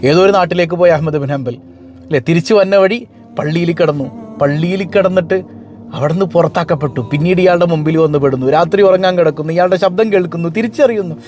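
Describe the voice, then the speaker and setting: A man preaching fervently, rushing from point to point. His voice sits high and leaps about as he tells his stories. Soft music plays faintly behind him. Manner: fervent, animated storytelling with frequent pitch leaps. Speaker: Islamic preacher. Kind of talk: sermon with told stories.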